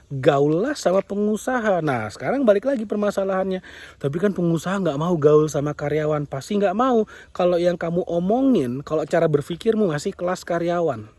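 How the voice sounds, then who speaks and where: A young man gives a motivational monologue about business in a somewhat high voice. He talks emphatically and repeats his points, now and then acting out the complaints of others. The sound is close and dry, with no room around it. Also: darkish tone, no echo. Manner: emphatic, repetitive, acts out quoted complaints.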